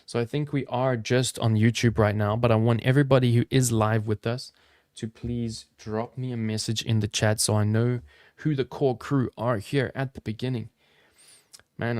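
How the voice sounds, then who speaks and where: An upbeat, chatty man from South Africa, his South African accent softened toward American, hosting a live trading stream and talking straight to his viewers. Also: mid-range voice, flat delivery, normal speed, no echo, studio quality. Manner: upbeat, chatty, addresses chat viewers directly. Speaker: crypto trading livestream host. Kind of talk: casual live-stream commentary.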